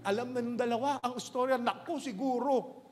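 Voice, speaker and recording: A man from the Philippines preaching a sermon in an animated, playful storytelling way. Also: extremely high pitch, brisk. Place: cinema hall. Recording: echoey hall.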